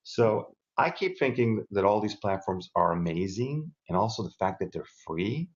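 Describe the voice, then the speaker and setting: A middle-aged South American man joins a video-call interview as a guest from a home room lined with bookshelves, speaking through an earbud headset. His lowish voice is sing-song at a normal speed, enthusiastic and rambling with restarts, and the sound is lo-fi.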